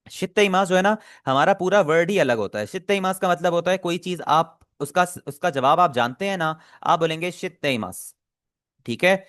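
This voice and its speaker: A man's voice sits a little higher than most men's and sounds dry and close to the mic. He teaches Japanese in an online class. He is patient, and he repeats each phrase slowly and carefully so the students can copy it. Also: dry recording.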